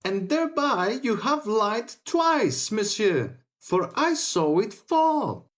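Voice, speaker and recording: A woman's voice: on the high side, big pitch swings. Woman voicing a proud young Gascon swordsman. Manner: proud, quick to take offence. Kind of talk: audiobook character reading.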